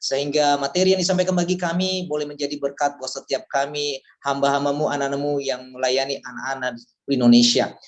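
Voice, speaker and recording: A man leading an opening prayer in an earnest, reverent way. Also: a little high. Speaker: prayer leader. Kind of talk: spoken prayer.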